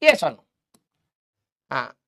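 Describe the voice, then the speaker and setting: A man's voice: very slow, fairly bright tone. A man teaching a live online class, chatty and teasing, joking with his students between lessons. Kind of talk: casual live-class banter.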